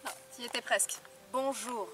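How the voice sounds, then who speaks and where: An actress playing a gentle young woman disciple of a garden, patiently coaching someone. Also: fairly high pitch, fast talker, music in the background, natural voice.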